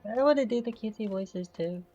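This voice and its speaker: A woman's voice: medium pitch, fairly quick, warm tone, highs cut off, faint music behind. A woman streaming gameplay live, making wry, sweary asides to her chat. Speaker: gaming streamer. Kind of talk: casual live gameplay commentary.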